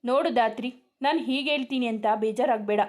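A scheming young man from a spoken story, sly and persuasive, which a woman reads out in her own fairly high voice. He coaxes in a smooth, easy way. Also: quick pace, darkish tone, natural voice. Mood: coaxing.

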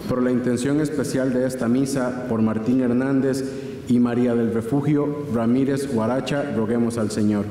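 A man reads church intercessions in a formal, measured manner. His voice is soft-edged and mellow, and it rings out in heavy cathedral echo with a long reverberant tail. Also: mid-range voice, steady tone, a little hiss or hum. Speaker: reader of prayer intentions. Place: large church, indoors.

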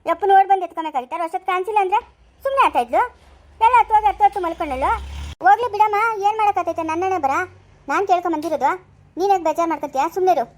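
A woman playing a shrill, quarrelsome village wife. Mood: arguing. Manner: scolding, complaining rapid speech. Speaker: family skit actor. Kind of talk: village family drama acting.

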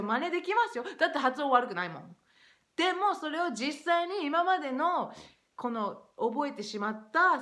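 A young woman talking casually to camera about English pronunciation, lively and switching between English and Japanese. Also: fairly high pitch.

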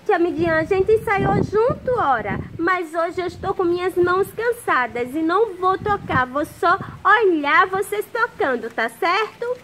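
Uma mulher dando voz a um bonequinho menino alegre, que fala de um jeito brincalhão e infantil. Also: female voice, very high voice, animated, a little slow, few pauses, fairly bright tone, voice pushed up, full character voice. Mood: playful. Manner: eager, playful, childlike. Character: cheerful little boy puppet who plays guitar. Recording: noisy background.

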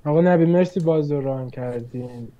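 A man recapping an online mafia game as a player, defending his votes with rapid reasoning. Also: a little high. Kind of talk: casual argumentative game recap. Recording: lo-fi online call audio.

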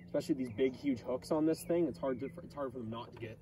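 A man's voice: medium pitch, quick pace, warm tone. A young man in a small boat on a lake, casually explaining step by step how he fishes. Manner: laid-back, explains step by step. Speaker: angler demonstrating a technique. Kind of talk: casual outdoor fishing chat. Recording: slightly distant, faint outdoor noise.

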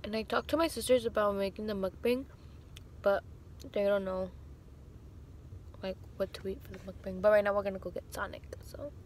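A woman's voice: mid-range voice, steady tone, brisk, long pauses, a little mellow, a little hiss or hum. A young woman chatting casually to camera as a vlogger, recorded on a phone held at arm's length inside a car. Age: young adult.

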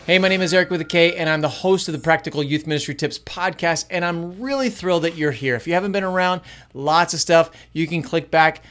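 Speaking into a close studio mic in his small home studio, a middle-aged man hosting a youth ministry channel gives a casual tutorial. His slightly high, fairly bright voice moves fairly quickly with hardly any pauses, upbeat and chatty, though his pace varies.

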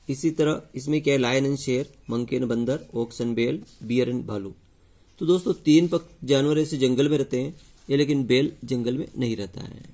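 A man's voice: medium pitch, vocal fry, darkish tone. A male teacher going over test answers, often asking the class a question and then giving the answer himself. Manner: repeats key points as questions to the class. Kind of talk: explaining test answers to students.

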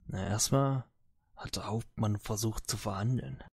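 A man's voice: fairly low pitch, measured pace, vocal fry, darkish tone, husky, dry recording, studio quality, heavily acted. A man playing a crude, foul-mouthed soldier being questioned in a tabletop role-play, swearing and dismissive in his slangy answers. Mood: boastful. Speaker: game master voicing a character.

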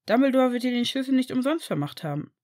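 Laid-back schoolboy wizard, a woman doing him a bit lower, easy and chill, storybook read-aloud. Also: sing-song, fast, a little mellow. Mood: easygoing. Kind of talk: audiobook character reading.

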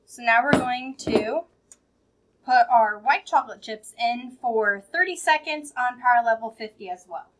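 Young woman with a high voice, cooking steps. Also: measured pace, slight background noise. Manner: simple instructions while working. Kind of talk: cooking demonstration. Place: home-style kitchen.

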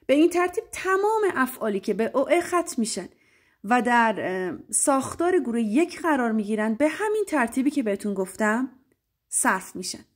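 A Persian-speaking woman teaching French grammar to beginners, explaining clearly and repeating French phrases slowly, several times over. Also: fairly high pitch, very animated. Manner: slow, deliberate drilling of French phrases, repeated three times. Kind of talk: online language lesson.

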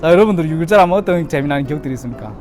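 A man's voice: on the high side, animated, rapid-fire, darkish tone, faint music behind. A man in his thirties from Yanbian, China, with a Chinese-Korean Yanbian accent, telling stories casually to camera as a YouTuber. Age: 30s. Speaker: YouTuber telling childhood memories.

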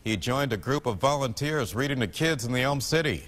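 Male anchor, middle-aged, mid-pitched broadcast news delivery in a reverberant space. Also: expressive, a little fast, fairly bright tone. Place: TV news studio.

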